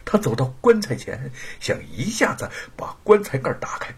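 A man's voice: a little high, very animated, normal speed, vocal fry, slightly rough. A man narrating a story dramatically and emotively, often sinking to a whisper.

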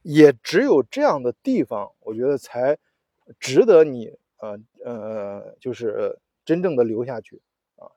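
A man hosting a relaxed solo talk, his voice dark and a little husky. He rambles with frequent restarts and hesitant fillers. The audio is dry and dull, with a lo-fi sound. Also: mid-range voice, a little slow, dry recording. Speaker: podcast host.

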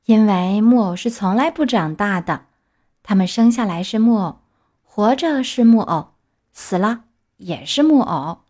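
A woman voicing a kind, motherly fairy woman in a children's story reading, calm and gentle. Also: mid-range voice, a little slow.

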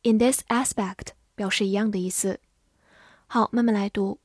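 A woman teaching English vocabulary in a scripted lesson, spelling words letter by letter and reading example sentences slowly. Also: mid-range voice, fairly even intonation, husky, dry recording, clean studio sound.

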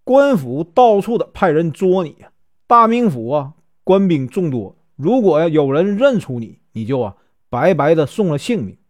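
Guy doing an earnest middle-aged bandit chief, weighty and a bit high, in a storybook tale. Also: very animated, normal speed, no room sound, studio quality. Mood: concerned.

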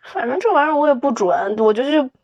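Lively quick woman co-host. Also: high voice, dry recording, muffled recording. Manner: brief prompting interjections and comments. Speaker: podcast co-host. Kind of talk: casual chat.

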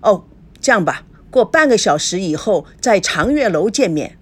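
A woman voicing a hearty, boastful middle-aged male company chairman who praises loudly. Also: mid-range voice, sing-song, moderate pace, breathy edge. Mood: jovial. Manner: loud, jovial, showy praise.

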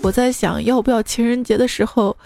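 With a slightly high, gravelly voice and a warm tone, this woman delivers listener-submitted funny stories at a brisk clip. Her reading is playful and teasing, casual comedy with music running underneath.

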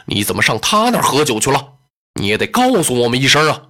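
A storyteller voicing two loyal male generals who speak low, earnest and reproachful in traditional storytelling. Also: big pitch swings, fast, sharp tone. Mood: worried, reproachful.

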